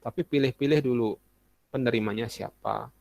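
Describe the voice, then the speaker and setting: A man's voice: mid-range voice, moderate pace, creaky, a little mellow, no room sound. A young adult male teacher giving a casual classroom lesson, chatty and full of examples, often acting out short student messages.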